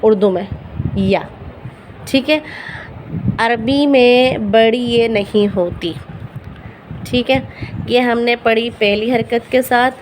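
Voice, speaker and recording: Woman, Urdu native, Quran reading teacher, patient, repeats letter sounds, fairly high voice, faint background hiss. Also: long pauses, rough recording. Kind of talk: beginner Arabic letter pronunciation lesson.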